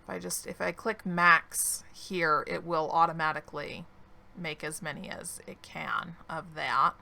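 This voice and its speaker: Woman, hoarse, bright-edged voice, slow let's-play narration, faint keyboard noise. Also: sits low, fairly even intonation. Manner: slow, thinking aloud while playing. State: losing her voice, clearing her throat. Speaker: gaming video creator. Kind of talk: relaxed let's-play commentary.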